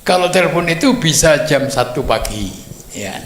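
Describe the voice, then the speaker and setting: A man's voice: a little high, animated, moderate pace, fairly bright tone. An older man telling humorous anecdotes as a guest speaker, chuckling often and acting out quoted dialogue. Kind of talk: anecdotal storytelling. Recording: echoey room, faint noise.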